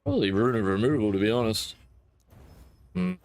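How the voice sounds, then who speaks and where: A low-voiced man talks casually while he plays a game. He rants with plenty of swearing, and his voice climbs in bursts of irritation. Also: a little fast, vocal fry, no echo. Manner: profane, animated ranting with rising outbursts. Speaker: gaming streamer.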